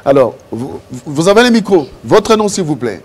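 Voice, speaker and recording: A man presenting a live TV event, talking in a hurried, repetitive, excitable way. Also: on the high side, husky.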